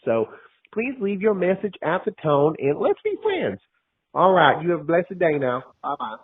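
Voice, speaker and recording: A man playing a flustered country vet recording his voicemail greeting, friendly but nervously polite, at a middling pitch. The voice sounds thin and boxed in, like it is coming over a phone line. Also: sing-song, normal speed, slightly rough. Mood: nervous politeness. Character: folksy, flustered male livestock vet on voicemail.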